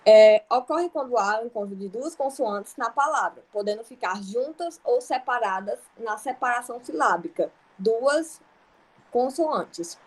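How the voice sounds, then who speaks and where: A woman's voice: fairly high pitch, animated, measured pace, breathy edge. A young Brazilian woman teaching an online grammar lesson, explaining patiently with examples and checking that students follow. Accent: Brazilian Portuguese.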